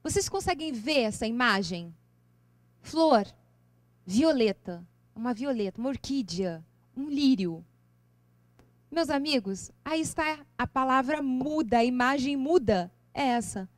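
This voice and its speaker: A Brazilian woman lecturing to a live audience on music and spirituality, animated and expressive, asking her listeners question after question. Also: unhurried, dry recording. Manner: lively, expressive intonation with sudden leaps in pitch. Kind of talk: seminar talk to a live audience. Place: lecture venue.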